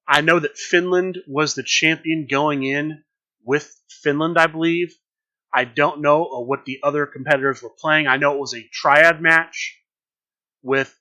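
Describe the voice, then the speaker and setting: A man's voice: a little high, pushed and bright, highs cut off. A man hosting a solo podcast, reporting news in a plain, matter-of-fact way and hedging when unsure. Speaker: podcast host.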